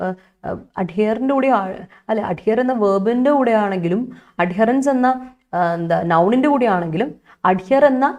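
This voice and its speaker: A woman's voice: fairly high pitch, a little mellow. A young woman with a Malayali accent teaching English vocabulary in an online exam-prep lesson, chatty and coaxing, repeating key points.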